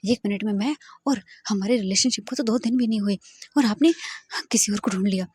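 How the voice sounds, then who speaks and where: A woman's voice: medium pitch, a little fast, darkish tone, a little hiss or hum, natural voice. A woman voicing a flustered, shy young male assistant who stammers and gets defensive. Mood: hurt.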